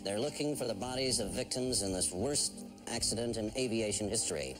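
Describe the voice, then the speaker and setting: A man delivers an archive television news report in a formal anchor manner. His pitch is ordinary for a man. Music plays clearly behind him. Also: lively intonation, a little fast, low-quality recording.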